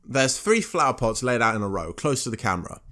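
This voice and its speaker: Podcast guy, mid pitch, lots of ums and do-overs, chatty recap. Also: sing-song, pushed and bright. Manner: halting, filler-heavy, self-correcting. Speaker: podcast co-host. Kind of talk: casual chat recapping a TV episode.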